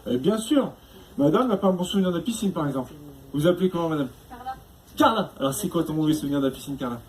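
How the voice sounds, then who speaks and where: A man's voice: fairly high pitch, very animated, quick pace, a little mellow. A male stand-up comedian doing crowd work, chatty and teasing, tacking on tag questions as he goes. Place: stage before a live audience. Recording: noisy live room.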